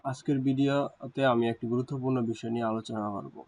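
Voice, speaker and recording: A man's voice: mid-range voice, fairly even intonation, fairly quick, darkish tone, a little hiss or hum, rough recording. Man, language teacher, hesitant explanatory delivery. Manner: hesitant, frequent fillers and restarts. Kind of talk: explanatory lesson.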